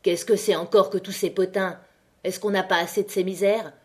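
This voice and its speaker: A woman voicing an angry coal miner who shouts coarse threats in an audiobook. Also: medium pitch, expressive, a little fast, natural voice. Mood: furious. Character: angry coal miner, grown man, brutal temper.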